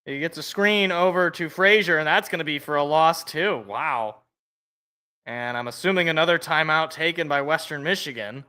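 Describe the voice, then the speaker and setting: Bright-voiced man calling football, reactive. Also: on the high side, moderate pace, clean tone. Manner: reactive, swinging between excited calls and muttered asides. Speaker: live reaction host commentating on football. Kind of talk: play-by-play commentary with casual reactions.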